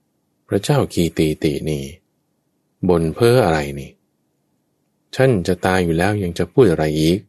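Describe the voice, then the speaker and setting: Scornful male guard, mocking, low and dry, as the preacher voices him. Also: lively intonation, a little slow, pauses often, darkish tone, dry recording.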